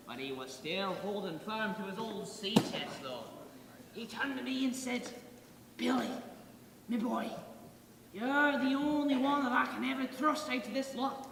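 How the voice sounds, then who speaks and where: Young performer playing a blustering old pirate, slow, echoey hall. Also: medium pitch, sharp tone, slight background noise. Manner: salty pirate dialect, blustering. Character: boastful old pirate sea dog Billy Bones. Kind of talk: stage theatre acting. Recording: echoey theatre hall, distant mic, music.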